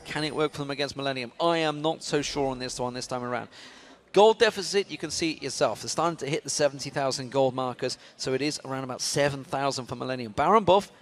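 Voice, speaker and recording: A man giving live play-by-play commentary on an esports match, excitable and climbing in pitch when the action picks up. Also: fast talker. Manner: excitable, rises sharply in pitch during action.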